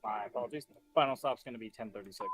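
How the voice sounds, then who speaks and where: A man talks at a quick clip over a police radio, rattling off call signs and codes in clipped radio style. His voice sits at a middle pitch and sounds distant through the radio, with music faint underneath. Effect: heard over police radio. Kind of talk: roleplay radio traffic.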